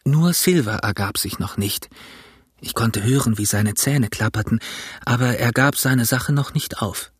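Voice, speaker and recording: A man narrates an adventure novel in a steady, measured way. His voice has a husky edge. The recording is dry and close, with no room sound. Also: medium pitch, dry recording. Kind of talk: audiobook reading.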